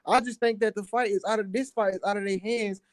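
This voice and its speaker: High-pitched man arguing. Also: fairly even intonation, fast talker, dry recording. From New Orleans, United States. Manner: defensive, slangy, repeats phrases emphatically. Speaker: guest debater on a boxing talk show. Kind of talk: heated casual sports debate.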